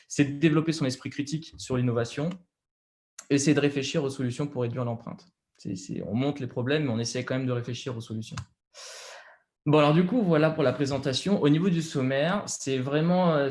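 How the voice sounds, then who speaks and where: A man's voice: medium pitch, a little mellow. A young man with a French accent presenting slides over a video call, hesitant, with many fillers and restarts.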